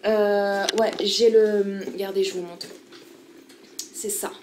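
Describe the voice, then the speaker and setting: A thirtyish woman with a French accent, a vlogger, chats casually with her viewers while showing off her small living room, rambling and using lots of fillers. Her voice is medium-pitched and level, and she speaks slowly over a noisy background.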